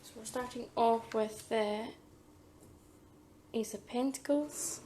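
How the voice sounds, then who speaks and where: A woman who is a psychic medium giving a pick-a-card tarot reading, hesitant with many ums, losing her voice and clearing her throat. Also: fairly high pitch, fairly even intonation, takes it slowly, warm tone, echoey room, a little hiss or hum.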